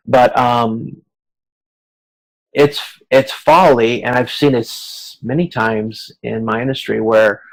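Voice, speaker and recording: Over a video conference, a supply chain management lecturer gives an informal talk in colloquial language, often acting out brief hypothetical remarks. His voice is medium-pitched and gravelly, and the recording is rough.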